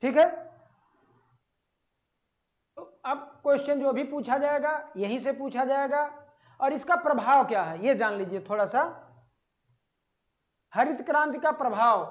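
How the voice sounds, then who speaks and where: Speaking in a very high voice, a man runs an agriculture exam-prep class where he asks questions and answers them on his own. Key words come out slowly and drawn out, and the recording sounds dull and lo-fi.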